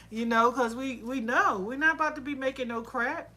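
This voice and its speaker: A woman's voice: high-pitched, steady tone, measured pace, pushed and bright, a little hiss or hum. A woman hosting a casual livestream, chatting and venting, laughing often and quoting herself. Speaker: soap and candle maker hosting a livestream. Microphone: laptop microphone.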